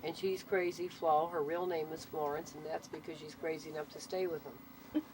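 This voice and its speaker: A middle-aged woman, interviewed as a CB club member, chats casually and explains things through anecdotes and stories. Her voice is a little mellow, steady in tone and at a moderate pace. The amateur recording is noisy, with vehicle rumble underneath.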